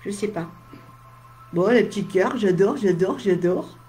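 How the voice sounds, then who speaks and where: Tired, slightly husky woman chatting live. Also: medium pitch, expressive, unhurried, darkish tone, soft background music. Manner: chatty, talks straight to viewers in short asides. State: tired, with a slight head cold. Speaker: medium. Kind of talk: casual live stream, answering viewer comments.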